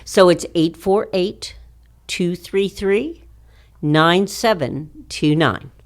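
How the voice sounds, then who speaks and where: An older woman with a notably low voice speaks as a guest on a podcast interview. She explains things confidently and in detail. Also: takes it slowly.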